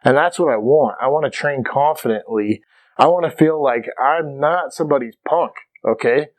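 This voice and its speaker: Speaking at normal speed in a mid-range voice, this Irish instructor gives a self-defense lesson to camera. He is casual yet emphatic and keeps checking in with "okay".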